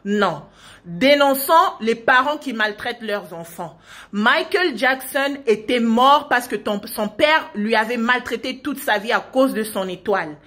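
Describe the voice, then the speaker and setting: A woman's voice: a little high, expressive, unhurried, fairly bright tone. A woman making an impassioned public appeal, insistent and repetitive, full of rhetorical questions and stumbling restarts. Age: 20s. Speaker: provincial deputy denouncing her parents.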